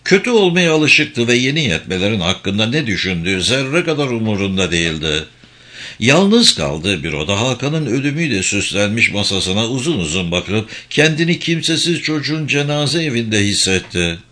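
Expressive male crime novel narrator. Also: medium pitch. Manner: measured, expressive reading.

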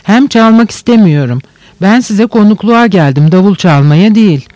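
A man's voice: high-pitched, expressive, moderate pace, darkish tone, no echo. A man reading as an exasperated, protesting pianist. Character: grumbling, reluctant male pianist guest. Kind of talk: audiobook reading.

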